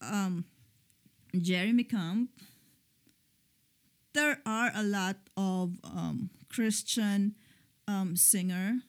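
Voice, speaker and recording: Slow soft-spoken woman host. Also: medium pitch. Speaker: podcast co-host. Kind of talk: casual chat.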